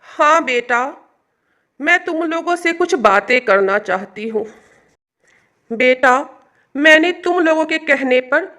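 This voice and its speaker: A stern, sad old mother-in-law in an animated story. The voice sits high and bright, and she often sighs and scolds. The pace is unhurried. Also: exaggerated voice. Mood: calling. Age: older. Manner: sighing, scolding.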